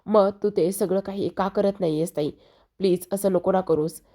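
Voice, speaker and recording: A woman's voice: medium pitch, steady tone, moderate pace, warm tone, natural voice. A woman reading the lines of a young woman pleading emotionally with her estranged older sister, in a plain voice.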